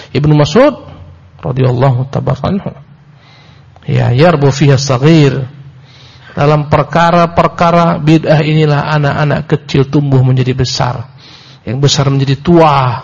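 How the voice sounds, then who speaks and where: A male preacher giving a sermon-style book lecture, reciting Arabic and explaining it in Indonesian, emphatic and repetitive, rising sharply for emphasis. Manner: emphatic, rises sharply in pitch for emphasis, repeats phrases. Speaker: Islamic preacher. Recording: dull lo-fi lecture recording.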